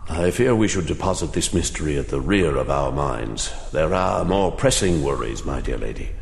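An actor playing an erudite, pompous old gentleman in a dramatized audiobook, wry and theatrical, with florid old-fashioned phrasing. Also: a bass voice, lively intonation, moderate pace, vocal fry, full character voice. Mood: grave, scheming. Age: older. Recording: long reverb, faint music underneath.

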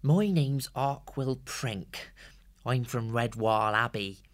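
A man voicing a young male hedgehog held captive on a ship, soft-spoken, quick-witted and cheeky. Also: medium pitch, voice pushed up, close to an everyday voice. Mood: friendly. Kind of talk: audiobook character voice.

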